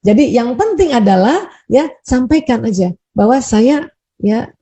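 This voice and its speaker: A woman speaker answering audience questions in a gentle, conversational advice talk, often repeating words and adding little tag words. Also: fairly high pitch, animated, measured pace, husky.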